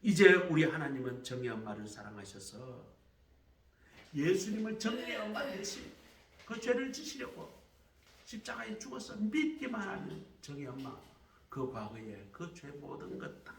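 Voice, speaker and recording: A man's voice: fairly high pitch, lively intonation, measured pace, gravelly, slight background noise. A man voicing an earnest church deacon who pleads with and consoles a troubled neighbor, heard from a distance in a roomy hall. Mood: consoling.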